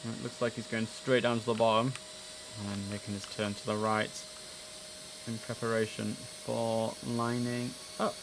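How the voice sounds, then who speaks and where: This man streams an air traffic control simulator, talking to himself casually and issuing clipped radio calls. His gravelly voice sits on the low side, level in tone at a moderate pace, with background noise present.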